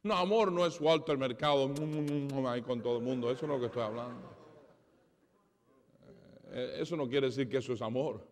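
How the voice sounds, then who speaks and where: A pastor preaching a sermon, dramatic, acting out conversations and swinging between loud and soft. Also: male voice, medium pitch, brisk, a little hiss or hum. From Spanish heritage. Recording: reverberant hall.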